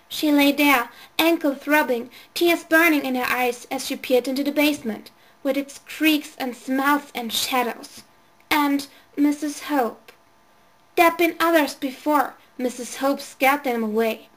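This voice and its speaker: High-voiced woman reading a novel. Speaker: audiobook reader. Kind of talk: scripted narration of a novel.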